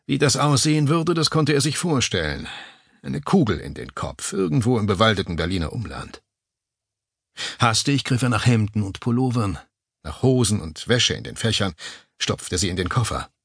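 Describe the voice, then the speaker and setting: Gravelly-voiced man narrating a thriller. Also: big pitch swings, normal speed, no echo. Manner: tense, dramatic pacing with sudden pitch jumps. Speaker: audiobook narrator. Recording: dry close studio mic.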